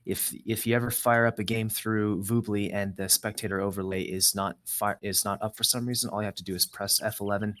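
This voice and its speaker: A man co-casting a live strategy game, brisk and matter-of-fact. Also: on the low side, steady tone, fairly bright tone. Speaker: esports co-caster.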